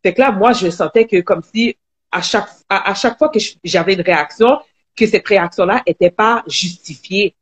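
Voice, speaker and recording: Halting Quebec French woman guest. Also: medium pitch, slightly rough. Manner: halting, many restarts and fillers, earnest. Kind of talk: personal testimony in an online live interview.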